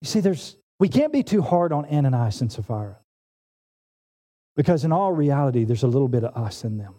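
A man in his forties preaching a sermon, animated and emphatic, often restarting his phrases. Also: medium pitch, a little fast. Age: 40s. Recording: long hall reverb.

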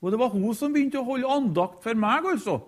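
A man preaching a sermon, retelling a story in a halting way with frequent hesitations and repeated quote tags. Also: very high-pitched, lively intonation. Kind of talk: sermon with a retold deathbed story.

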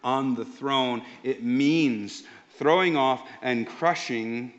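A pastor preaching a sermon in an emphatic, slow and deliberate way. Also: male voice, mid-range voice. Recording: dull lo-fi sound.

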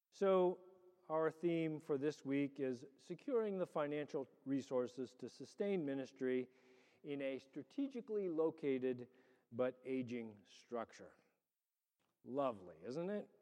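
A man's voice: medium pitch, darkish tone. Male pastor preaching in a reverberant hall. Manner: measured, deliberate church delivery in short phrases. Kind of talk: sermon with prayer and scripture reading. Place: large reverberant church.

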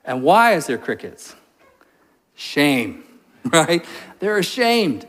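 A man preaching from the pulpit in a lively, joking way, with a slightly higher voice than most men. He tells a funny story first and then turns to earnest teaching. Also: takes it slowly. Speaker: pastor. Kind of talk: sermon.

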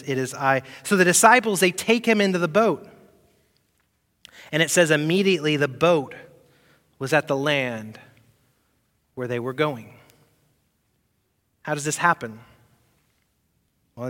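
Male pastor, fairly high voice, preaching from the pulpit; loud emphatic peaks and hushed asides, rhetorical questions to the church. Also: in a large hall. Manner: swings between loud emphatic peaks and quiet, soft asides; asks the congregation rhetorical questions. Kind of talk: sermon.

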